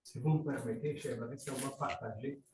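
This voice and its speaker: Animated man from Angola, roomy distant sound. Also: a little fast. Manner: vivid storytelling with sound effects and sudden pitch jumps. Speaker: participant sharing a story. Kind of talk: animated personal testimony. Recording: roomy, distant, faint noise.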